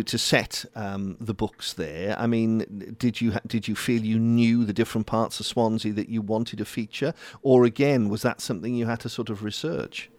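A man's voice: lowish voice, a little mellow, no room sound. A man hosting a conversational radio interview, affable, with rambling, hedging questions. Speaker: interview host.

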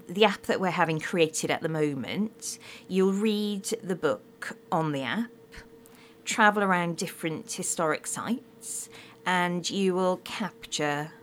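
Woman, Swansea Welsh accent, low pitch, conversational interview guest, faint background noise. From Swansea, Wales.

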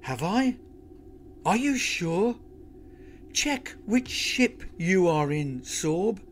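Guy doing a plucky little girl, high and sassy, slow. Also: sing-song, a little hiss or hum, heavily acted. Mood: defiant. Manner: defiant, teasing. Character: brave, cheeky young girl hero. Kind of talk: storybook reading.

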